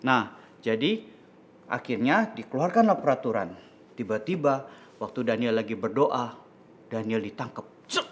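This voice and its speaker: A man with an Indonesian accent, teaching kids church, tells children a Bible story in a lively, patient, explanatory way. His mid-range voice moves at normal speed with long pauses.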